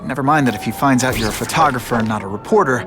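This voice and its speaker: An actor playing a young wisecracking American superhero and student photographer in a video game, with a boyish, quippy manner. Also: male voice, mid-range voice, racing, over music, lightly acted. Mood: musing, self-talk. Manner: quippy, boyish, self-questioning. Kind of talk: video game character acting. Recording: clear background noise.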